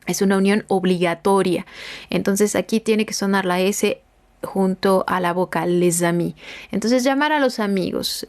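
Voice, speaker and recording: A woman teaching French grammar as a language lesson, explaining slowly and carefully and repeating example sentences. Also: mid-range voice, a little mellow. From Mexico.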